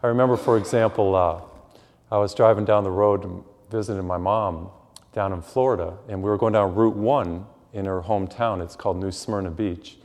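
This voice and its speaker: Male priest, lowish voice, conversational sermon style, recorded in church with a long cathedral-like echo. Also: fairly even intonation, fairly quick, darkish tone. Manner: conversational preaching with homely asides. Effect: long church reverb. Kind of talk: sermon with gospel reading. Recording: echoey church hall reverb.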